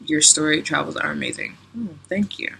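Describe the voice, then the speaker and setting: Young woman in her twenties, bright crisp tone, chatty vlogger who laughs easily. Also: low-pitched, brisk, slight background noise. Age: 20s. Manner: chatty, giggly, lots of "like" and "um". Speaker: travel vlogger. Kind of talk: casual Q&A vlog.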